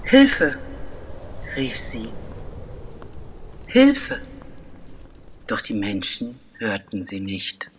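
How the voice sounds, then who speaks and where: A man telling a children's story as scripted narration, slow and deliberate with dramatic pauses. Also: fairly low pitch, fairly even intonation, pushed and bright, slight background noise.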